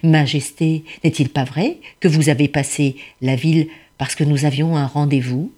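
A woman's voice: sits low, fairly even intonation, normal speed, mellow. A woman voicing a poor, grateful male woodcutter who speaks earnestly and deferentially in a storybook tale. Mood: tender. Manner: earnest and deferential, addressing a tigress as royalty.

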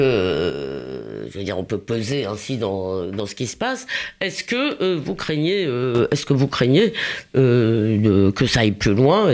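Lady host, asks the questions, keeps jumping in with quick little oui's. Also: rumbling low. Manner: quick interjections and agreement. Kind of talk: radio interview.

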